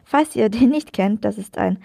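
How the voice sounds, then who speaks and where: A woman's voice: mid-range voice, normal speed, gravelly, mellow, no echo, clean studio sound. A woman from Cologne co-hosting a podcast, explaining things bluntly in casual talk. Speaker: podcast co-host.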